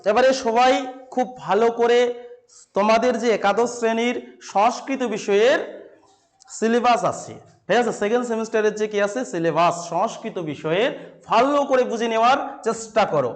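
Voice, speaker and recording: A man gives a lesson in a very high voice. He asks questions and answers them himself. He repeats each key term slowly so his students can follow. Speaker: teacher. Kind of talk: classroom-style lesson to camera.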